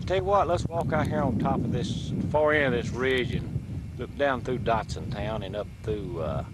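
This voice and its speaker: Filming a 1980s camcorder home-video tour of the family farmland, a middle-aged father from the rural southern United States narrates in a folksy country drawl. His medium-pitched voice has lively intonation and a moderate pace, though the audio from the windy ridge and farm outdoors is very noisy.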